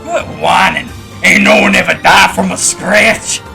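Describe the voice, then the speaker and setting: A fierce old grandmother barks crude threats in a high, strained voice, as a male reader puts her on. She is brash and scolding, a storybook granny with no patience for fools. Music plays underneath. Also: a little slow, gravelly, heavily acted. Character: fierce ancient village grandmother, foul-mouthed.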